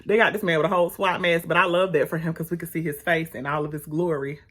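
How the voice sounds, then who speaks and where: A young woman with a fairly low voice talks through a TV episode recap for her channel. She chats casually, full of sassy asides and slang, like she's gossiping with friends. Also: fairly even intonation, quick pace, a bit bright. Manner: sassy, chatty, slangy storyteller. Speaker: TV review YouTuber.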